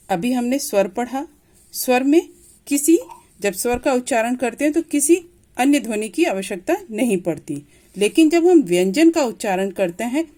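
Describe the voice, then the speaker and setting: A woman's voice: on the high side, warm tone. A woman teaching a Hindi grammar lesson, patiently repeating each point and sounding out letters one by one. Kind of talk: classroom lesson explaining letters.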